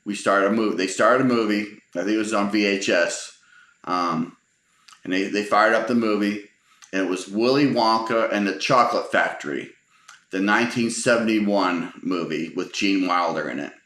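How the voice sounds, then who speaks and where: A man's voice: on the low side, moderate pace, a bit bright. A middle-aged man telling humorous stories from his life in a rambling, casual way, with lots of fillers and chuckles. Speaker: storyteller. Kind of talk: casual spoken storytelling. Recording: roomy echo.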